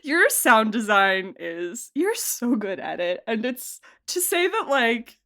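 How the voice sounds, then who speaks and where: A woman producer and director chats casually in an interview, speaking informally with an emphatic, animated delivery. Her voice is a little high and her pace is slow.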